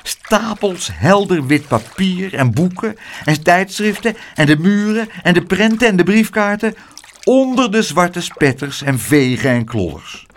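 A man reading a children's story aloud in a lively, expressive way. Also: high-pitched, unhurried, slight background noise. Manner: animated, expressive.

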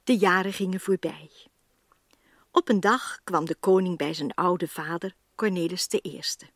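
A woman's voice: fairly low pitch, measured pace, no echo, clean studio sound. A woman storyteller giving scripted narration of a children's tale.

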